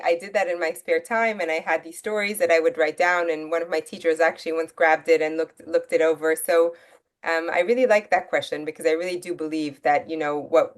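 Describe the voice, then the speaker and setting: A woman born in Italy and raised in Belgium, an author answering interview questions in a measured, thoughtful way with frequent pauses. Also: low-pitched. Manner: measured, thoughtful, many ums. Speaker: guest author. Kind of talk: interview conversation.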